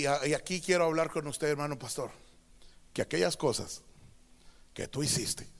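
A man preaching a sermon as a pastor, switching between quiet teaching and loud, drawn-out proclamations. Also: fairly high pitch. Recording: long hall reverb.

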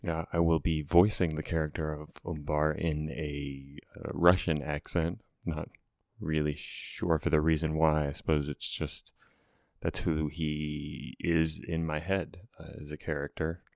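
A man with a strikingly deep voice and very little rise and fall in his pitch. He talks in a halting, meandering way, casually introducing himself as a tabletop game player. The sound is dry, with no room echo. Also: level tone, gravelly, a little mellow.

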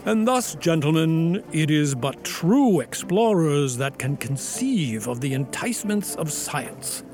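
Man playing learned science professor, highish male voice, formal, declamatory, encouraging, radio drama, music underneath. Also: very animated, takes it slowly, darkish tone. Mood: oratorical, enthusiastic. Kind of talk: dramatic radio play acting.

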